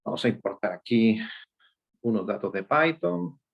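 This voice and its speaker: He's a data instructor whose voice sits on the low side, expressive with vocal fry, at normal speed. Teaching code by screen share, he goes step by step and checks in with "¿eh?" and "¿ok?" almost every point. The sound is dull and lo-fi.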